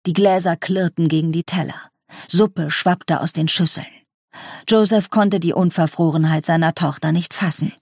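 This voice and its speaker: A woman reading a novel aloud in a measured, calm manner as an audiobook narrator. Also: fairly low pitch, dry recording, studio quality. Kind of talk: scripted narration.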